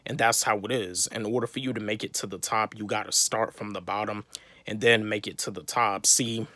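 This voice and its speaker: A man's voice: lowish voice, steady tone, a little fast, bright, forceful tone, dry recording. A young man from North Carolina, giving a rambling motivational talk to camera, full of repeats, fillers and restarts. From North Carolina, USA. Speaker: vlogger.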